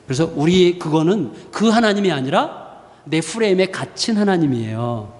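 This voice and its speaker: A man's voice: high-pitched, big-room sound. A man in his forties preaching a sermon as a pastor, telling stories with acted-out quotes and humorous asides. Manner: storytelling with lively acted-out quotes; self-described short-tempered, humorous asides. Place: church sanctuary.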